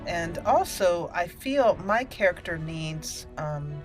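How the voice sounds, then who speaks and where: With game music in the background, a let's play commentator on a gaming channel chats casually and thinks out loud during gameplay. She speaks slowly in a voice on the low side, with lively intonation.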